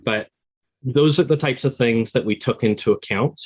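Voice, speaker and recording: A man speaking as an interview guest, explaining his software product in a conversational, explanatory way. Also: medium pitch, normal speed, slightly rough, dull audio.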